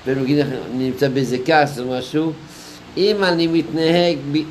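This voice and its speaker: Deliberate, slightly high-voiced male rabbi lecturing. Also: a little mellow, a little hiss or hum, rough recording. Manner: explanatory, storytelling with anecdotes and rhetorical questions; deliberate, drawn-out phrasing with pauses. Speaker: rabbi teaching Torah. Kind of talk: Torah lecture.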